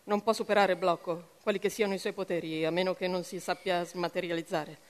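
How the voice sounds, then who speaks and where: A woman's voice: on the low side, level tone, fairly quick, in a large hall, close to an everyday voice. A woman reading as a brusque male agency officer. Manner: curt and businesslike.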